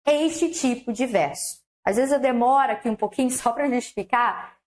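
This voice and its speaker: Woman, high-pitched, explains a lesson step by step with questions to the viewer, collar mic. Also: moderate pace, a little mellow. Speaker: teacher. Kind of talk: online lesson on verse. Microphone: clip-on mic on her collar.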